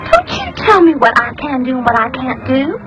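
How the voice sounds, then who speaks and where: A willful young belle. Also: female voice, high voice, huge pitch swings, a little fast, lo-fi sound, over music. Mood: coquettish. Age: young adult. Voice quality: coquettish, teasing. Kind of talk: film drama acting.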